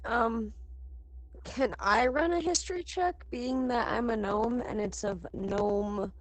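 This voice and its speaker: A woman playing a tabletop game, chatting casually and excitably, with casual swearing. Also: on the high side, takes it slowly. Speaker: player.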